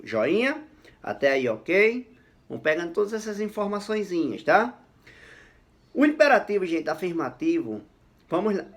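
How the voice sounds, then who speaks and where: A male teacher explains grammar in a video lesson. His voice sits a little high. He talks in a lively, emphatic way and keeps checking in with his students.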